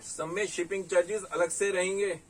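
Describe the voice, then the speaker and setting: A saree shop owner with a Delhi Hindi accent sells online, chatting casually as he shows garments and reads out prices and sizes. His voice sits high with a steady tone and moderate pace, recorded from a distance on rough audio with slight background noise.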